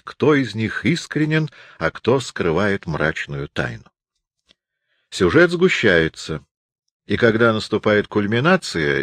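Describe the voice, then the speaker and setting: A man reading a literary lecture aloud in a measured, ironic manner. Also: low-pitched, no echo.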